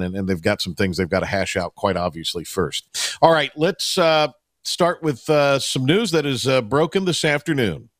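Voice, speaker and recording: A man's voice: fairly low pitch, a bit bright, dry recording, clean studio sound. A man hosting an unscripted sports talk show, meandering along with many long hesitations. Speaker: sports radio host. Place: radio studio.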